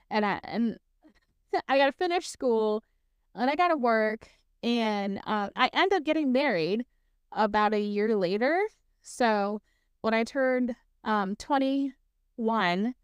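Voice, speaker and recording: A podcast host around thirty years old chats through casual solo stories, often saying "like" and "um" and laughing readily as she goes. She speaks in a clear, resonant voice on the high side, captured in a clean, dry studio recording.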